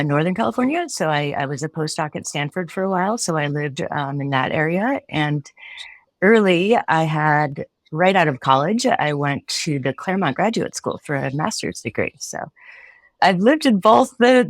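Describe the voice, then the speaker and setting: A woman's voice: low-pitched, expressive, moderate pace, no room sound, studio quality. A woman in her forties from Connecticut, a philosophy professor answering interview questions thoughtfully, with frequent restarts and light laughter. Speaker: philosophy professor, podcast guest.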